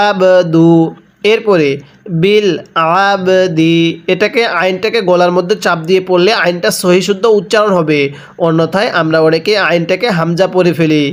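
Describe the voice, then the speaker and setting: A man with a high, light voice and a Bangladeshi Bengali accent leads a Quran reading lesson one rule at a time. He spells out each letter and its vowel marks, asks the listener how to read the word, then chants it slowly and drawn out. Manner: asks rhetorical questions before each reading. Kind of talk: step-by-step Quran recitation lesson.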